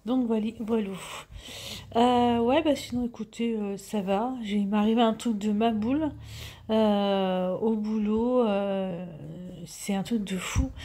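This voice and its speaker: A woman's voice: mid-range voice, steady tone, unhurried, dark tone. A woman in her fifties telling a story to her viewers in a chatty way, full of fillers and restarts, sometimes dropping to a whisper. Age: 50s. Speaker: vlogger.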